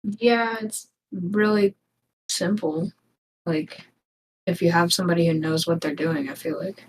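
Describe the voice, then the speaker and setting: A soft-spoken young woman guesting on a casual talk stream. She speaks slowly and hesitantly. She is heard from a distance, with faint noise around her. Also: on the low side, fairly even intonation.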